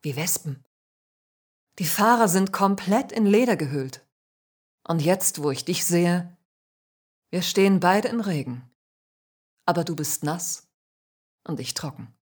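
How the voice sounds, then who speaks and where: A woman voicing the ghost of a man killed in a motorcycle crash, snappish at first and later quietly remorseful, in a spoken ghost story. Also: sits low, normal speed, breathy edge. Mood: eager. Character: dead male biker ghost, gruff, then humbled.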